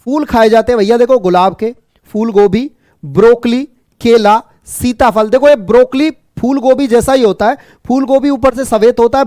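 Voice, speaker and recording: A man teaching an online exam-prep class, brisk and repetitive, teasing and jokingly scolding his students. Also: extremely high pitch, darkish tone, dry recording, studio quality.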